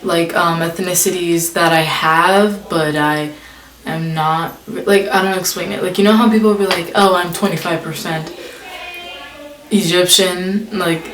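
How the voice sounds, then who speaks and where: A young woman vlogger with a fairly low, steady, fairly bright voice speaks a little slowly as she casually answers tag questions. She reads each question aloud and chats along, filling her talk with lots of "like." The room she's in is echoey.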